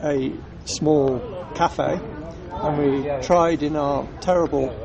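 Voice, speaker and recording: A chatty man with a Northern English accent tells travel stories, his voice gravelly and a bit higher than most. He keeps restarting his sentences. A loud crowd can be heard around him outdoors. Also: steady tone, slow, muffled recording. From North of England. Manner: chatty storyteller with frequent restarts. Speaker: touring cyclist guest. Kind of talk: casual travel chat.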